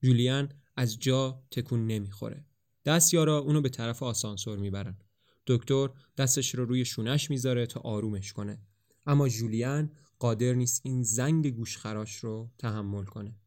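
Steady male storyteller. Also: mid-range voice. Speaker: podcast storyteller. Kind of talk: narrating a play in casual spoken Persian.

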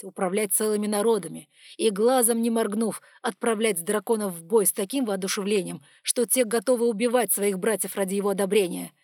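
An enraged male dragon bodyguard snaps in loud, clipped bursts through clenched teeth, as a woman reads him in an audiobook. The voice sits in a middle register, close and dry with no room around it, commanding and hard. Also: mid-range voice, breathy edge, no echo. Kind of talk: audiobook character voice.

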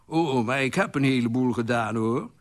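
A man voicing a tearful, soft-hearted young king who talks slowly and mournfully. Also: mid-range voice, lightly acted.

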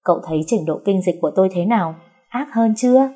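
A cheeky young peasant girl, greedy for coins and terrified of dying, rattling on in a wheedling, boastful voice pitched well above the storyteller's own, as a woman narrator puts her on. The voice stays husky and mellow underneath. It sounds like a spoken storybook. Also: lively intonation, quick pace, faint music behind. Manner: rambling, wheedling and boastful chatter.

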